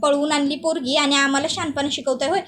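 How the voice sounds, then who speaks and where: A scheming village uncle who taunts his rivals and gloats over bad news, put on by a woman narrator. The voice stays high and bright with a sneering tone. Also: level tone, quick pace, slight background noise. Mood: gloating.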